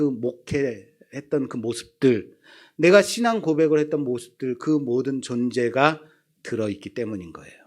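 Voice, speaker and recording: A man's voice: fairly high pitch, a little mellow. A man in his fifties, a pastor preaching a sermon, telling stories with self-deprecating humor.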